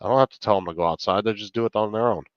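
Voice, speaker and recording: A man's voice: fairly low pitch, rapid-fire. A middle-aged man chatting casually on a live stream, blunt and heavily profane as he rants. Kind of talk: casual chat. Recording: muffled, echoey room sound.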